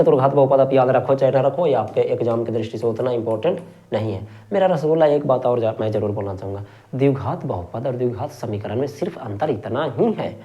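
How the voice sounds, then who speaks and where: Male math tutor, mellow voice, repetitive question-and-answer teaching, affectionate with students. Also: mid-range voice. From Bihar, India. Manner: asks questions and answers them himself, repeats key terms; affectionate, calls students "my rasgulla". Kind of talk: exam-prep math lesson.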